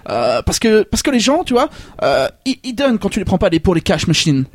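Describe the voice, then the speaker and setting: A man's voice: high voice, sing-song, brisk, no room sound. A man playing a boastful, greedy manga author with a Belgian accent, stammering through heavy franglais. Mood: bragging. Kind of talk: comic parody interview.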